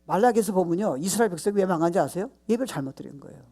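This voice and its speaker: A male pastor preaching a sermon, stressing points loudly, then dropping to low asides, with English phrases mixed into his talk. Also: expressive, racing. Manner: emphatic, mixes English phrases into his Korean; swings between loud stress and low, soft asides.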